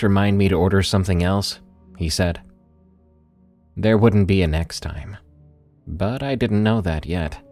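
A low-voiced man narrates horror in an ominous late-night radio style. His delivery is scripted and dramatic, swinging widely in pitch, with faint music underneath. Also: a little mellow. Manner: ominous, dramatic storytelling with trailing line ends. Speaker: host and narrator of horror stories. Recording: voice over background music. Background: music bed.

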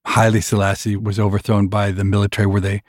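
A man's voice: lowish voice, monotone, quick pace, dry recording, clean studio sound. A man hosting an interview podcast, asking curious, upbeat questions. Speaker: podcast host. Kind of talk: scripted intro then interview.

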